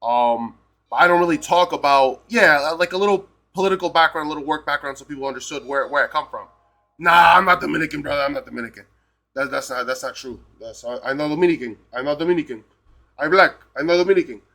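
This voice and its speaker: Peruvian-born male streamer; emphatic, rambling rant delivery; bright, tense voice. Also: fairly high pitch, fast. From Peru. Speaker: live streamer. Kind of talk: casual rant.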